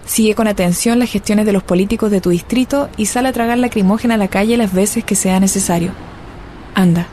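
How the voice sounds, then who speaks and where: Earnest Chilean woman narrating, mellow tone. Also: medium pitch, slight background noise. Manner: earnest, rallying. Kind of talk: scripted documentary narration.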